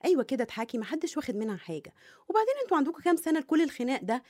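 Brief: woman voicing playful sister who teases, Egyptian accent, quick speech. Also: sits high, very animated, warm tone. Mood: teasing. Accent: Egyptian Arabic. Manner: teasing, affectionate. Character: teasing young sister, playful.

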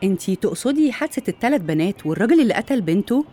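An actress playing a calm, concerned woman psychiatrist in a radio drama, matter-of-fact, with an Egyptian accent. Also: medium pitch, racing. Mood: professional, concerned.

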